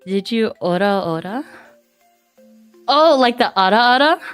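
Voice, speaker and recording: A woman streamer in casual chat, bubbly and giggly, her voice raspy and hoarse from a week of coughing. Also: a little high, animated, a little slow. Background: faint background music.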